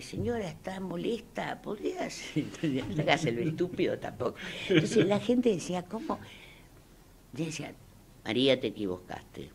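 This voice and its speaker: An older woman with an Argentine Spanish accent, an actress telling stories in an interview in an emphatic, expressive way. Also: low voice, vocal fry, slight background noise. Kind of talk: interview reminiscence.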